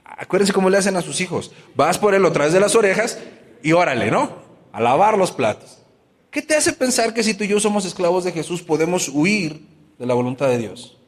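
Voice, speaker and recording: Man, pastor, sermon, high-pitched, full of questions. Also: animated, fairly quick, big-room sound. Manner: asks the congregation many questions, acts out everyday complaints.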